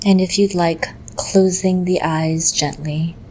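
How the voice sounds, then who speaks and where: With a steady tone and a fairly low voice, a woman gently talks listeners through a meditation at a very slow, measured pace, pausing at length between phrases. Behind her is clear background noise, and the recording is rough.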